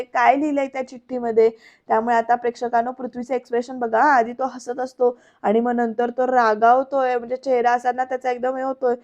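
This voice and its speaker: A Marathi-accented woman recaps a TV serial in a high, fairly even voice, telling the scenes as a story and turning to her viewers often. Her voice comes through slightly dull and lo-fi. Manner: lively storytelling, addresses viewers directly. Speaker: serial episode reviewer. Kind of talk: voice-over recap narration.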